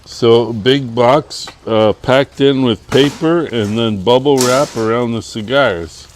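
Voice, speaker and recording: A man's voice: medium pitch, slow pace, a little hiss or hum. A man co-hosting a cigar review, chatting casually outdoors and explaining with lots of fillers. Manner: relaxed, explains with many fillers. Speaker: co-host of a cigar review channel. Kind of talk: casual chat.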